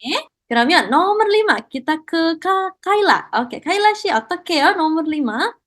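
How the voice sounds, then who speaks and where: A woman with a high voice leads an online language lesson. She explains step by step and often praises her students. Her tone stays encouraging throughout. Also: lively intonation, quick pace, fairly bright tone. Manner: encouraging, mixes Korean praise into Indonesian. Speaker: Korean language teacher. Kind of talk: online class teaching.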